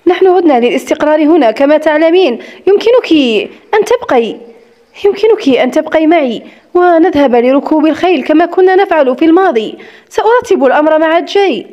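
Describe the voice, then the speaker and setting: A gentle, loyal young woman, played by a woman reading an audiobook speaks in a soft, soothing way. Her voice sits high. The recording sounds slightly dull and lo-fi. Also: lively intonation, a little fast. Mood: coaxing.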